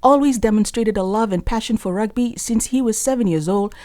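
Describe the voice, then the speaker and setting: A woman news reporter reading a scripted voice-over with even, formal delivery. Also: a little high, fairly quick, no room sound.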